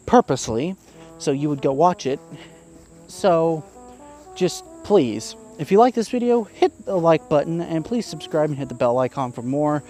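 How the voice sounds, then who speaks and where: A man's voice: a little high, dark tone. A man giving a casual, candid spoken review, chatty and plain-spoken with the odd curse. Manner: candid and chatty, with frequent fillers and mild swearing. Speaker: YouTube reviewer.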